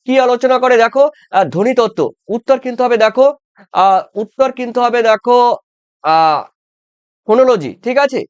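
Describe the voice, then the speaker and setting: Man, very high voice, smooth, dry dull recording, repeats himself, checks in often. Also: moderate pace, pauses often, no room sound. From West Bengal. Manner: repetitive, coaxing with frequent check-ins and fillers. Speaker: teacher. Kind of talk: exam-prep lesson.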